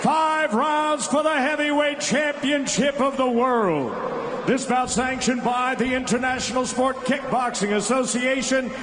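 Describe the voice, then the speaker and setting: A man doing dramatic, booming ring introductions like a fighting game announcer, with drawn-out name calls, live in a packed arena. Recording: loud crowd noise in a big arena.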